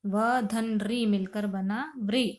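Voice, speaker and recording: A woman's voice: mid-range voice, steady tone, takes it slowly. A woman teaching a grammar lesson, asking questions and answering them herself, step by step and patiently. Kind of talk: classroom lesson explaining Sanskrit grammar.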